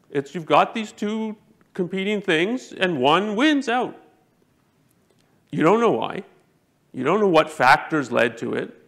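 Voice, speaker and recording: A man giving a lecture to a live audience, talking emphatically, jumping up in pitch to stress points and often restarting his sentences. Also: creaky, fairly bright tone. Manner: self-correcting, frequent restarts.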